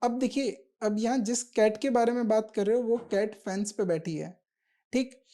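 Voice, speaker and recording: A woman's voice: fairly high pitch, normal speed, mellow. A woman teacher giving an exam-prep grammar lesson, explaining patiently step by step and often checking with the class.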